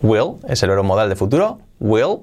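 Lively man teaching a language lesson. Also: lowish voice, soft background music. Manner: lively, repeats example phrases slowly. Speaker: English teacher.

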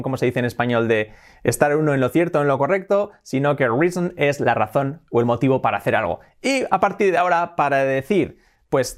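A man from Spain teaching English in a video lesson, explaining in Spanish and saying the English phrases slowly and clearly. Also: mid-range voice.

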